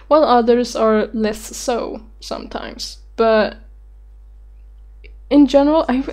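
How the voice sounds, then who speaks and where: Young woman in her twenties, slightly high voice, unhurried, rambling casual webcam vlog. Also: a little mellow. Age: 20s. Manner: rambling, giggly, self-deprecating, swears casually. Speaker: vlogger answering viewer questions. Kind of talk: casual chat.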